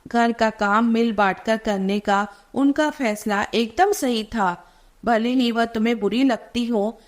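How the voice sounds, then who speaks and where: Woman reads as a gentle, worn-out elderly mother: weary, sorrowful, slightly high. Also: natural voice. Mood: regretful. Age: older. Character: older mother, tired and regretful, gentle.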